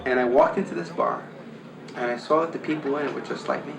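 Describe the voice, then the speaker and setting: A man's voice: medium pitch, quick pace, gravelly, far from the mic. Man, documentary interview, reflective, near-whispered moments, roomy, background noise. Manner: reflective, dropping to a hushed whisper.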